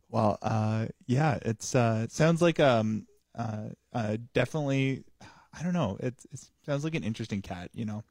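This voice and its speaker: A man's voice: mid-range voice, measured pace, darkish tone, dry recording, clean studio sound. A man hosting a casual chat, hesitant, with lots of ums and restarts.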